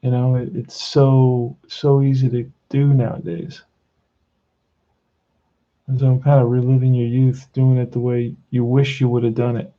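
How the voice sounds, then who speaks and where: Over dull audio, a tabletop baseball hobbyist in his sixties with a Queens, New York accent chats through an off-the-cuff tutorial in an unhurried monotone. His voice sits in the mid range, and he's blunt and plain-spoken, calling the listener "man."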